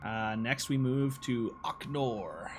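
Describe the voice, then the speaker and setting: A man's voice: mid-range voice, slow, a little hiss or hum. A man running a tabletop game on a live stream, describing gory scenes casually and laughing often. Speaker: dungeon master. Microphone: streaming microphone.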